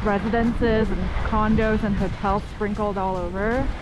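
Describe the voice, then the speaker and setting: A woman's voice: mid-range voice, fairly even intonation, a little slow, very noisy. A young woman vlogging while she skis, chatting casually and exclaiming as she goes, recorded outdoors on an action camera. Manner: chatty, exclaiming, frustrated about rocks. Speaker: ski vlogger. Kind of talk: casual vlog commentary. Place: outdoors on a ski slope. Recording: music playing under the voice.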